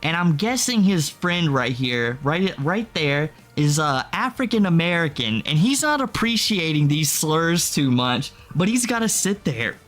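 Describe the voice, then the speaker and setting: A man's voice: on the high side, sing-song, a little slow, few pauses, fairly bright tone, faint music behind. A man reacting as a streamer, with casual, amused, mocking commentary that slips into acted-out quotes.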